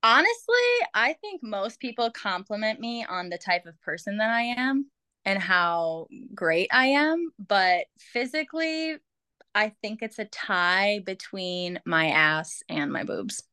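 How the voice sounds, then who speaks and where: Giggly Minnesotan woman, bright voice. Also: mid-range voice, very animated, unhurried, smooth, no room sound. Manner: giggly, playful and flirty. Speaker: podcast guest. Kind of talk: casual chat.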